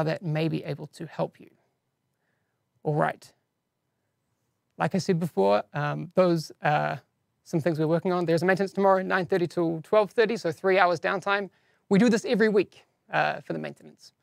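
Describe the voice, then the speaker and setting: Gravelly-voiced man hosting a live stream. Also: high-pitched, dry recording, clean studio sound. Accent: non-standard English accent, teased by viewers. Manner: chatty, self-deprecating asides to chat and co-host. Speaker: community host of a live game-news stream. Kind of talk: casual live-stream update.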